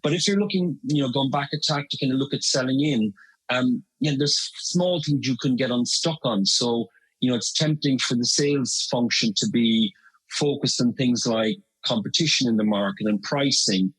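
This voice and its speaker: On a low-quality recording, a middle-aged Irish man speaks as a guest in an interview, chatting at normal speed with plenty of fillers and restarts. His mid-range voice is husky and a bit bright.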